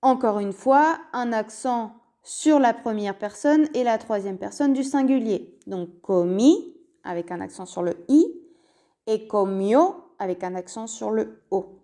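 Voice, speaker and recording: A Spanish teacher delivers a language lesson explained in French, speaking slowly and carefully. Her voice is on the high side and warm, and she spells out endings and repeats the key forms.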